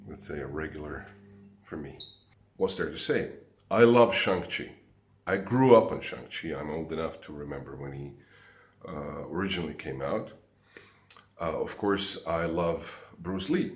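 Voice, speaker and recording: A middle-aged man from Croatia, a comic artist speaking casually to camera from his studio, with halting speech and many fillers. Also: sits low, echoey room. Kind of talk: casual video message. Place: home studio.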